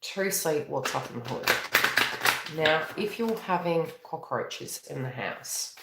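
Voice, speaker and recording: On a live stream, a New Zealand tarot reader and astrologer gives a spiritual reading, rambling tiredly and conversationally and correcting herself often. Her voice is low, gravelly and animated but slow, in a roomy space with very heavy noise.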